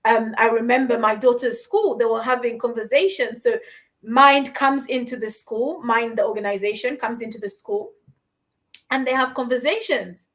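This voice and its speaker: Earnest high-voiced woman from Uganda. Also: normal speed, fairly bright tone. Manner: earnest, encouraging, repeats words as she goes. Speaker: podcast host. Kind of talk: conversational podcast talk. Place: London.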